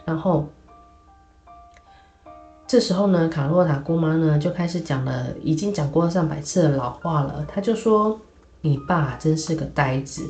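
A woman's voice: sits low, normal speed, pauses often, mellow, roomy sound, faint music behind. A woman telling a children's story in a chatty way, with many filler particles.

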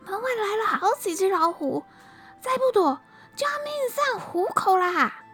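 A woman voicing a wise, wily old male monk, speaking slowly and calmly, and at times in a frantic rush. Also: high voice, husky, soft background music, heavily acted. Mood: panicked. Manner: slow, calm chanting, turning frantic.

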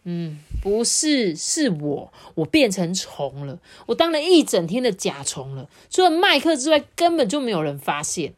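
A woman voicing a small boy turned into a beetle, speaking slowly and hesitantly in a read-aloud storybook. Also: medium pitch, big pitch swings, natural voice.

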